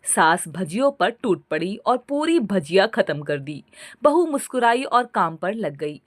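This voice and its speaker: A woman narrating a family story in scripted, slow storytelling. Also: medium pitch, sing-song, no echo, studio quality.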